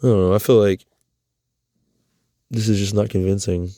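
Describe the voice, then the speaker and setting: Man ranting, mellow dry voice. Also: steady tone, normal speed, dry recording. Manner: rambling, profane and agitated; voice climbs high when upset. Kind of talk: confessional vlog monologue.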